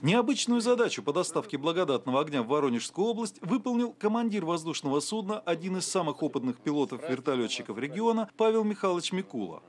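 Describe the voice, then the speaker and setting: A man's voice: on the high side, very animated, fast talker, few pauses, noisy background. A man narrating a scripted television news report as the reporter.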